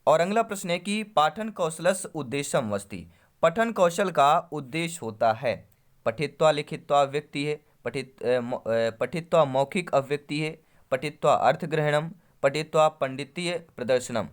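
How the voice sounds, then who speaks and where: A man with a smooth, clear, somewhat high voice teaches an exam-prep lesson at normal speed. He reads out Sanskrit answer options and then explains them in Hindi, calling viewers his friends and quizzing them.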